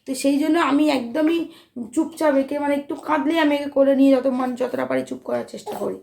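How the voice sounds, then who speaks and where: A woman's voice: sits high, quick pace, creaky, a little mellow. A young mother and vlogger chatting casually at home, tired from lack of sleep, rambling and fretful with many restarts. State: sleep-deprived. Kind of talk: casual home vlog chat.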